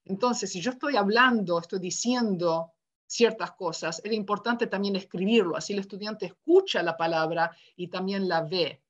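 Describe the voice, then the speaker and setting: A woman lecturing to teachers in a relaxed, conversational way, often asking "¿verdad?" and acting out quoted dialogue in her stories. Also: medium pitch, moderate pace, highs cut off. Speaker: university education lecturer. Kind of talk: lecture given online.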